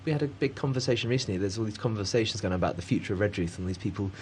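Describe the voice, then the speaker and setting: Male artist, lowish voice, halting rambling chat. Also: a little hiss or hum. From Cornwall, England. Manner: rambling and hesitant, many fillers, laughs often. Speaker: artist guest. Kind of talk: casual conversation.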